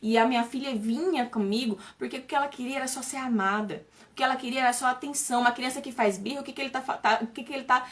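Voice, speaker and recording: A woman's voice: sits high, quick pace, hardly any pauses, a bit bright. A woman in her thirties speaking to viewers on a live stream, earnest and urgent, often restarting and repeating herself. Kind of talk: emotional personal talk to viewers.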